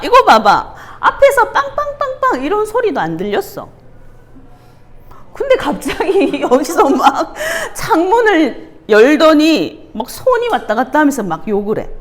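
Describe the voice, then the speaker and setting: A Sunday school teacher from South Korea's Gyeongsang region delivers a children's sermon, telling stories with animation and quizzing the kids with question after question. Her high voice leaps around expressively.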